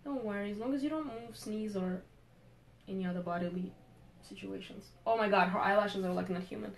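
A woman's voice: mid-range voice, fairly quick, gravelly, slight background noise. A young woman hosting a makeup live stream, chatting playfully with viewers as she works. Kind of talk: casual live-stream chat while doing makeup.

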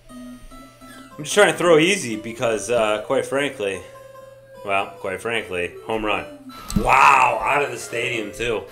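A man giving loose, tipsy commentary on a baseball video game, his voice bright and forceful with a very lively, jumpy pitch. He cheers, groans and mutters mild curses at the players. Faint guitar music plays softly behind him. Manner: excitable, swears mildly, yells at the game. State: says he is drunk. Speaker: let's play gamer.

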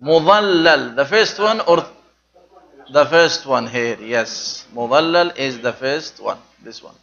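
A man teaching an Arabic class online, switching between Arabic and English and repeating each word slowly for his students to say after him. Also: medium pitch, creaky, a bit bright, muffled recording.

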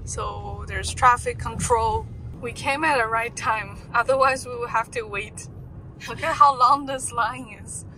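A woman's voice: on the high side, a little slow, bright, forceful tone, poor audio. A young woman chatting casually from the car while her friend drives, making offhand remarks about the road. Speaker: travel companion. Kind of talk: casual chat on a road trip. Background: background music.

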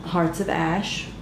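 Congested with a cold, this woman in her thirties has a low, gravelly voice as she narrates a casual show-and-tell of her resin crafts from her home table. She drifts loosely from point to point, filling gaps with "um." Echo and a soft hiss color the recording.

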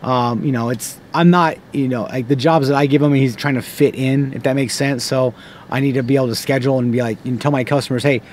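Sitting in a parked car, an American contractor in his thirties chats unscripted to camera, rambling in a stop-start way full of false starts. He speaks fairly quickly in a medium-pitched, steady voice, with slight background noise.

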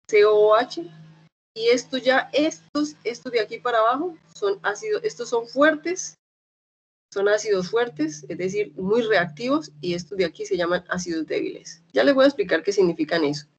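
A young adult woman with a Medellín Colombian accent gives an online chemistry lesson. She talks in a lively, chatty way and often checks that her students follow. When a key term comes up, she slows down and says it several times. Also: mid-range voice, slight background noise. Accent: Colombian Spanish, Medellín. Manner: spells out terms slowly and repeats them. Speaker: chemistry teacher. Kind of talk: online class lecture.

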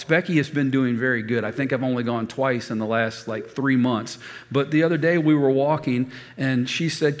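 A man's voice: mid-range voice, in a large hall. A man preaching a sermon as pastor, telling stories and acting out the voices of people he quotes. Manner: storytelling, acts out quoted voices. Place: church hall.

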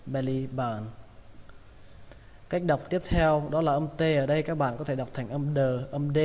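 A man teaching English pronunciation, repeating each word slowly in drills. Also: fairly high pitch, a little mellow. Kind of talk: pronunciation lesson. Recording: long hall reverb.

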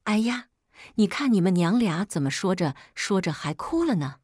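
A woman's voice: medium pitch, big pitch swings, moderate pace, a little mellow, no room sound, clean studio sound. A woman reading as a tearful village mother. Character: caring middle-aged village mother, tearful. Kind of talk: read-aloud storytelling.

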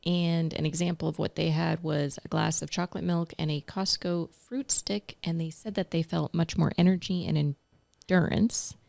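A woman's voice: deep voice, steady tone, moderate pace, vocal fry, a little mellow, no room sound. A woman co-host reading out listener questions in a casual podcast chat. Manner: reads questions aloud plainly.

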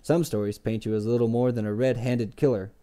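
A man's voice: medium pitch, steady tone, a little fast, dark tone, clear, resonant tone, natural voice. A man reading aloud and voicing an earnest, persistent young scholar.

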